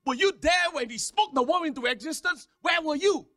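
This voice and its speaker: A man preaching a sermon, repeating words in quick stammering runs and calling on the congregation to respond. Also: extremely high pitch, lively intonation, bright, forceful tone, dry recording, clean studio sound. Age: 50s. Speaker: pastor.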